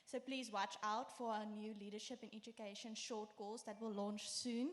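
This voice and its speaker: A woman's voice: medium pitch, fairly even intonation, normal speed. A young woman cheerfully introducing herself and promoting a course to new students. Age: young adult. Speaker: student committee member. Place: large hall. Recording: reverberant hall.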